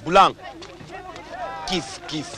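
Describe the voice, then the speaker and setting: An actor playing a defiant male soldier who speaks halting, broken French in a film drama. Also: fairly high pitch, a crowd in the background. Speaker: corporal in a colonial army camp.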